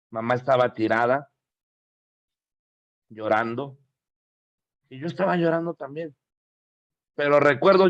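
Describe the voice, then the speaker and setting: A man's voice: mid-range voice, no room sound. A middle-aged man preaching a sermon, emphatic and repetitive, asking the congregation rhetorical questions. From Mexico. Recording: dull, dry lo-fi sound.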